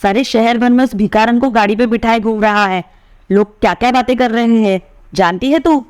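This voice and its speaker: A woman's voice: a little high, normal speed, no room sound, clean studio sound, natural voice. A woman voicing a domineering older male cousin who blusters and threatens over family honour. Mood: blustering angry.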